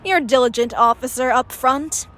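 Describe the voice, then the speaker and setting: An actress playing a serious, determined young journalism student in a video game, insistent and pointed. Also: female voice, high voice, normal speed, fairly bright tone. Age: young adult.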